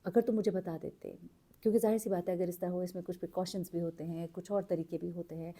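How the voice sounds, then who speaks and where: A woman narrating a true story in an earnest, unhurried way, pausing with fillers as she goes. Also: lowish voice, fairly even intonation, warm tone. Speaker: storyteller host.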